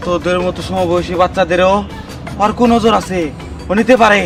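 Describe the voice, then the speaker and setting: A grave old holy man acted by a man in a village fairy-tale drama. His high voice gives solemn warnings in a rural Bangladeshi accent, distant from the mic with music behind. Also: fairly even intonation, a little fast, vocal fry.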